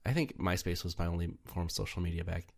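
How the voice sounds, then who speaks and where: A young man with a deep, low voice co-hosts a podcast. He chats casually and rambles through his stories, full of fillers and easy laughter. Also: quick pace, creaky, darkish tone. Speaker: podcast co-host. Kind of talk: casual chat.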